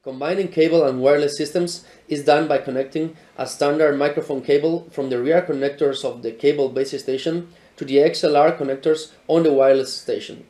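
A Spanish man in his thirties presents equipment with scripted, careful explanation, his voice on the high side, mellow and fairly quick, with fairly even intonation. He is a product presenter filmed in an indoor showroom through a camera mic at medium distance.

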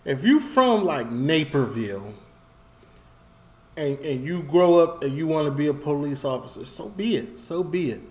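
A reaction video host with a slightly high voice for a man gives casual commentary at a moderate pace, thinking out loud as he goes. He's animated and rambling, circling back, repeating phrases and gesturing while talking. It sounds like a desk mic in a small room at home.

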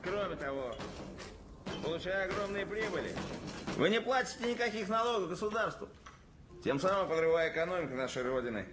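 A man's voice: high voice, animated, a little fast, background noise. An actor playing a smug, officious policeman who lectures pompously in a comedy film. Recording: film dialogue over loud music.

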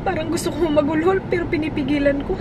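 Woman, mother vlogger, high voice, heartfelt rambling chatter, heavy road noise behind. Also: fairly even intonation, fast talker. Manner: emotional, chatty, mixes English and Tagalog. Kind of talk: casual vlog chat. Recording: loud car and street noise.

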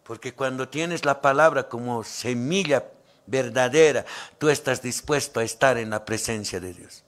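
A man with a Bolivian Spanish accent preaching a sermon. He swings from loud, fervent calls to low, quiet asides and acts out the voices of the people he quotes. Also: normal speed.

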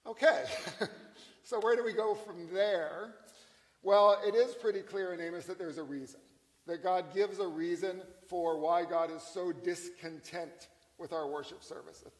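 A male pastor preaching a sermon in a conversational, emphatic way, slowing down on key lines. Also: high-pitched, steady tone, big-room sound, poor audio.

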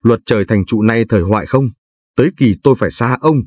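A man reciting as a gentle talking tooth. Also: medium pitch, fast, slightly rough, lightly acted. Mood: pleading. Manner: soft sing-song verse chanting.

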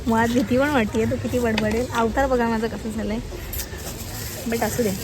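Woman, high bright voice, chatty and teasing, casual vlog, outdoor phone recording with loud background noise. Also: steady tone, moderate pace. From Alibag, Maharashtra. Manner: chatty, teasing, playfully scolding. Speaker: vlogger. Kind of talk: casual vlog narration and chat. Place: outdoors in a coastal fishing village. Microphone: handheld phone with headphones.

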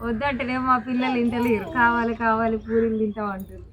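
A mother vlogging outdoors beside a smoky wood fire in the sun chats casually in Telangana Telugu while cooking and teasing her children. Her voice is on the high side, fast and fairly even, with a crowd audible behind her.

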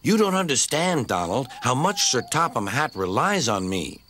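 A man's voice: medium pitch, very animated, normal speed, fairly bright tone, a little hiss or hum. A man voicing an earnest, proud, hardworking male steam engine in a storybook reading. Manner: eager and earnest.

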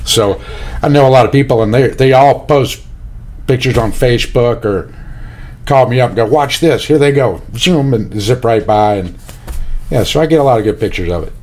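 A middle-aged man, hosting an interview over a video call and wearing a headset, speaking in a relaxed, rambling way. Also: mid-range voice, normal speed. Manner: relaxed, rambling, many uhs. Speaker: podcast host. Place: home room, indoors.

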